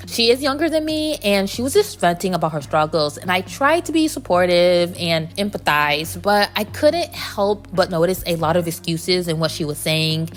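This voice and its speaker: A woman hosting a casual, reflective solo podcast, speaking candidly and conversationally, with slightly muffled articulation from braces. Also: fairly low pitch. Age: adult. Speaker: podcast host.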